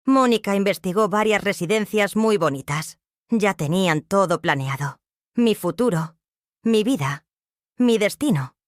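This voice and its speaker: An older woman telling her own story in a measured, emotional first-person narration. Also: mid-range voice, lively intonation, no echo, clean studio sound.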